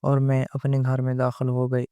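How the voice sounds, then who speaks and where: A man reading a scripted story aloud as narrator, in a steady, even way. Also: mid-range voice, smooth, no room sound.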